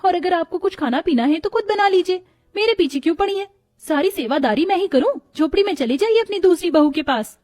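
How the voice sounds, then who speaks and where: A woman's voice: very high-pitched, expressive, fairly quick, darkish tone. A woman voicing a scheming, spoiled young daughter-in-law who scolds sharply in a storybook. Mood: scornful. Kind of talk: storybook voice acting.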